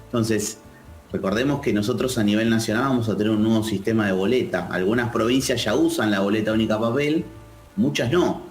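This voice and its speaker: A man with an Argentine accent, a political analyst answering interview questions in a measured, thoughtful way. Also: on the low side, roomy sound, faint music behind. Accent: Argentine Spanish. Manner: measured, thoughtful, with frequent restarts.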